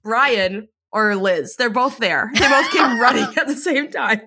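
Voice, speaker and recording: A woman's voice: on the high side, a little slow, a little hiss or hum. A woman co-hosting a podcast, chatting casually and swearing freely as she recaps an episode. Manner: animated, profane, laughs often. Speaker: podcast co-host.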